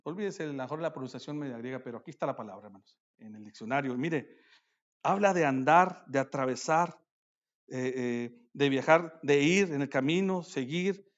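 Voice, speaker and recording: A man preaching a sermon at a church conference, calling out to his listeners as brothers and swinging between loud declarations and quiet asides. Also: medium pitch, moderate pace, dull audio.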